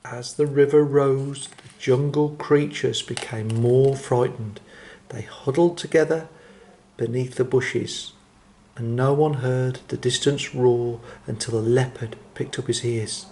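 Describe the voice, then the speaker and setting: A man reads a children's story in a gentle, expressive voice of medium pitch. He slows his phrasing to build drama. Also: slight background noise.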